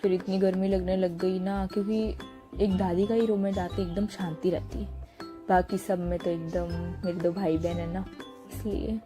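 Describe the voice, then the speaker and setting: A young woman from India narrating a relaxed voice-over of her day at home, chatty and often pausing to search for a word. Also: on the low side, over music. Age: young adult. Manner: chatty, searching for words, frequent laughs. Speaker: vlogger. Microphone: small handheld mic.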